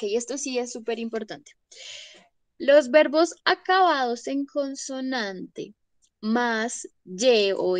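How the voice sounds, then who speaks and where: A woman's voice: fairly high pitch, no echo. A young woman teaching an online English grammar class, patiently checking that students follow along.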